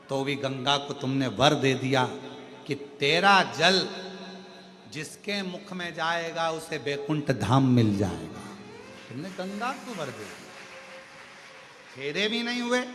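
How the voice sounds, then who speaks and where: A preacher voicing a demon king who humbly begs a god for grace, in a soft, lowered tone. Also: heavily acted. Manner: soft, lowered, devotional pleading. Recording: reverberant hall with music behind.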